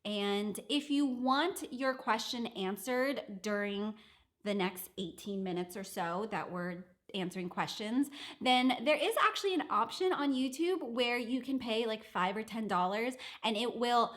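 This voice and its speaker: A woman's voice: on the high side, measured pace, a bit bright. A young woman hosting a live stream from an office, upbeat and laughing often. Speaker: host.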